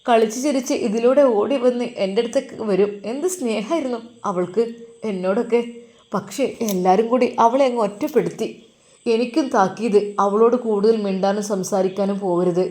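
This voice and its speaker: A woman's voice: fairly high pitch, normal speed, warm tone, lightly acted. A woman voicing a grieving middle-aged housemaid who tearfully scolds her employer in a told story. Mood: tearful reproach. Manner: tearful, reproachful pleading.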